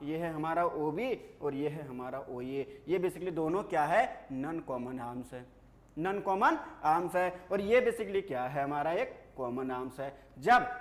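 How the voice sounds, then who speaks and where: A man teaching a maths lecture, playfully coaxing his students and asking them questions he then answers himself. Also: on the high side. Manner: playful and coaxing, calls students "dear children". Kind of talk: classroom lecture.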